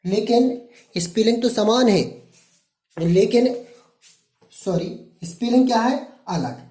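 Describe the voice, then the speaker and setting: Very high-pitched yet dark in tone, this slow-speaking male English teacher from Madhya Pradesh, India, gives a grammar lesson in classroom style. He asks his own questions, answers them, and repeats key words, in an echoey room.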